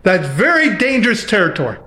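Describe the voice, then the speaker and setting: A man's voice: high-pitched, very animated, a little fast, sharp tone, reverberant. A man preaching a sermon who reads scripture aloud and stops to explain it in his own words.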